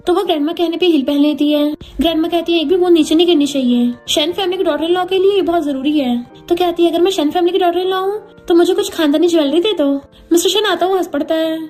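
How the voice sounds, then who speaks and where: A woman with a very high, mellow voice races through a drama recap, voicing each character's lines in her own plain tone. Faint music plays underneath. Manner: retells every character's lines in her own voice with quick Hindi-English mixing. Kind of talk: fast storytelling recap of a drama.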